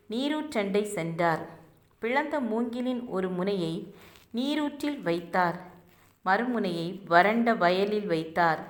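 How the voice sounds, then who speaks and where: A woman tells a devotional parable with earnest expression. Her narration is steady and heartfelt, in a mid-range voice. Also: mid-range voice, reverberant. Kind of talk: devotional storytelling.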